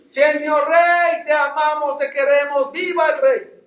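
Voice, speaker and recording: Man doing a shrill shouting tailor. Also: unhurried, roomy sound, distant mic. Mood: shouting cheer. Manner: shouting, high-pitched cheering. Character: loud hateful male tailor shouting from a balcony.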